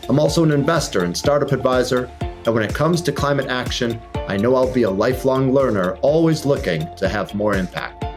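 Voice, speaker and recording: A man hosting a climate podcast, reading his intro and asking interview questions in an upbeat way. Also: medium pitch. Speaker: podcast host.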